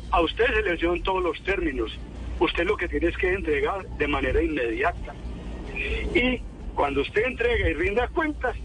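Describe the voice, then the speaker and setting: Courteous Colombian man, slightly high voice. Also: fairly bright tone, a little hiss or hum, low-quality recording. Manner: courteous, colloquial with diminutives. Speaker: lawyer, interview guest. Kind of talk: explanatory radio interview answers.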